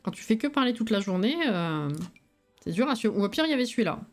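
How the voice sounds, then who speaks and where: A woman's voice: mid-range voice, lively intonation, fast talker. A tired woman with a lisp with slushy s sounds, thinking aloud in casual, colloquial live-stream commentary. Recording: voice over background music. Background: music.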